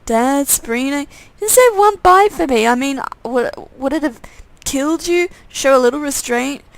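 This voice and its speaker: A woman's voice: sits high, lively intonation, normal speed, no echo, pitched above the performer's own voice. A woman voicing a sardonic, hungry young brother. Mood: aggrieved. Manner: sarcastic, grumbling, menacing.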